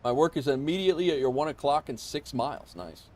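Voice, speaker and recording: A man's voice: fairly high pitch, animated, fast talker, a little mellow. Joking man streaming a flight sim. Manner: chatty, teasing, jokey asides. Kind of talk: casual livestream commentary.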